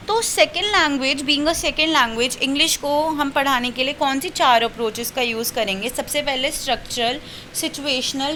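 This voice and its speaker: A woman tutor with an Indian accent giving an exam-prep lecture. She explains step by step, reads questions aloud slowly and often checks in with "ठीक है". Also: sits high, pushed and bright, slight background noise, rough recording. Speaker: teacher-training tutor.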